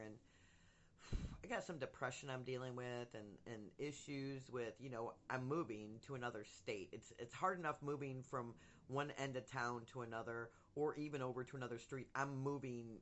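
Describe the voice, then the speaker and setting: A man's voice: medium pitch, moderate pace, fairly bright tone, a little hiss or hum. A middle-aged man with lispy, slushy speech from missing teeth, rambling candidly and openly in a casual personal vlog. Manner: candid, rambling, emotionally open. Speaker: content creator updating followers.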